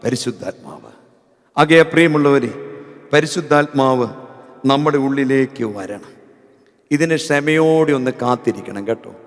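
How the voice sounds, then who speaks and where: A man's voice: medium pitch, unhurried. A man with a Malayali accent preaching at a church retreat. He asks the congregation questions, repeats the answers and leads them in singing a hymn. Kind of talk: sermon with call-and-response and hymn singing. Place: church hall. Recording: reverberant church hall.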